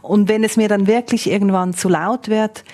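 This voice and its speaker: A foreign correspondent from Switzerland, this woman answers an interview with vivid explanations, rewording her points as she speaks. Her mellow, medium-pitched voice carries a Swiss accent, fairly even intonation and a moderate pace.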